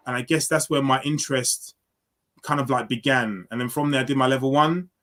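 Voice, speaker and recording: A man's voice: medium pitch, steady tone, fairly quick, a bit bright. A man in his thirties from London, answering interview questions in a reflective, casual way with many fillers and restarts. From London, England. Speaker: football guest.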